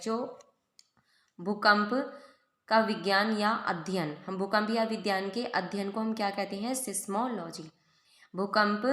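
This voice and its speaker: A woman coaching exam students in vocabulary, mixing Hindi and English as she repeats each word and its meaning. She poses questions to the class and answers them herself. Her mid-pitched voice rings out in a roomy, echoey space. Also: a bit bright.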